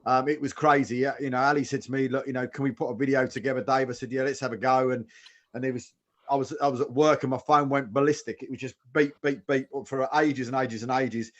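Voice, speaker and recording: A man's voice: medium pitch, fairly even intonation, fast, dull audio. A man hosting a casual chat show, effusive and inclined to repeat himself. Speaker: show host.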